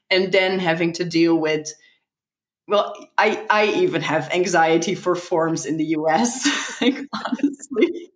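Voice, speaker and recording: A woman with a fairly low voice talks through her answers, doubling back on words as she thinks. Her voice bounces around a roomy, echoey space over a video call. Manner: thoughtful, repeats words as she thinks, laughs lightly. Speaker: guest. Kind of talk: conversational interview answers. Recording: echoey room.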